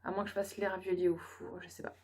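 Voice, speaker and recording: A woman's voice: fairly low pitch, flat delivery, quick pace, a little mellow. A young woman from France, a tired student mother, chatting casually in a vlog, rambling with lots of fillers and restarts.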